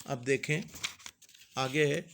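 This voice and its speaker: A middle-aged man teaching a Quran lesson, reciting each word slowly and drawn out, then explaining its meaning in a quick, plain way. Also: mid-range voice, fairly even intonation, gravelly, a bit bright.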